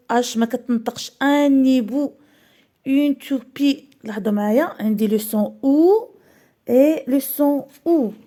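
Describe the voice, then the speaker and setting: A young Moroccan-accented woman teacher with a high, warm voice reads a primary school French lesson word by word. She reads slowly and carefully, syllable by syllable, switching between French and Darija to explain.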